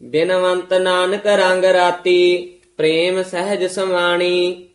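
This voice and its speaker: High-voiced man chanting in an echoey room. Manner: measured, steady chanting. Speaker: student reciting scripture. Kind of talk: chanted scripture recitation.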